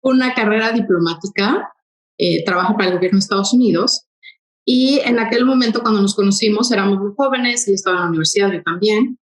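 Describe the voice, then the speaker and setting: A woman from Mexico City speaks as a guest in an interview, recounting her story with fillers and sudden quick stretches. Her medium-pitched voice echoes in a roomy space, sounding like a remote call. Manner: conversational, hesitant fillers, quick in bursts.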